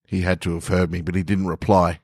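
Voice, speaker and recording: Low and level with a darkish, breathy edge, an Australian man's fairly quick voice carries traces of a head cold he's getting over. As podcast host, he gives a casual intro and then reads scripted short stories, captured in studio quality with no room sound.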